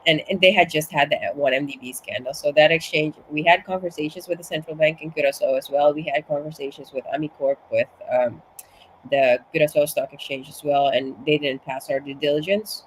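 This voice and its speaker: A woman's voice: low-pitched, steady tone, brisk, a little hiss or hum, low-quality recording. A woman from Suriname, a guest in a casual interview, a bit out of breath from being sick, explaining at length with many restarts. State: slightly out of breath from illness. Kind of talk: casual conversation.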